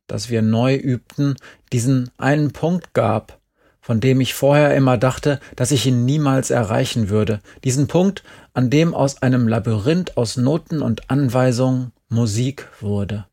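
Langsamer Erzähler mit knarziger Stimme. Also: male voice, mid-range voice, vocal fry. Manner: calm, measured, storytelling. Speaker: audiobook narrator. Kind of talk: first-person story narration.

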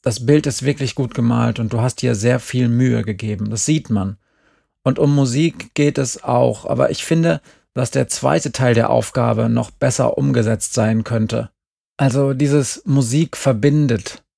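A man voicing a fair-minded mother in a storybook reading, calm and reasoning. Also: mid-range voice, a little slow, gravelly, dry recording, studio quality. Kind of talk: scripted narration.

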